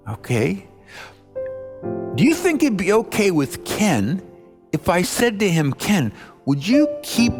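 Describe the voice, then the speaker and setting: A man's voice: fairly high pitch, heavily acted. A man quoting a moved, red-eyed young husband in his own voice, speaking earnestly.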